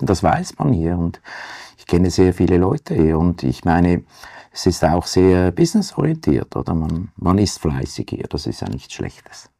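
Deep gravelly Swiss-German man. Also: dark tone, dry recording, studio quality. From Zurich, Switzerland. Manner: tags sentences with "oder?". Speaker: vegetarian restaurant owner. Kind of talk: panel discussion.

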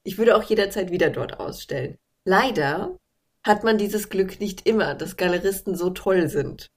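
Casting: young woman artist, sarcastic storyteller, mid-pitched, chatty and blunt. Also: moderate pace. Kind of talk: casual podcast chat.

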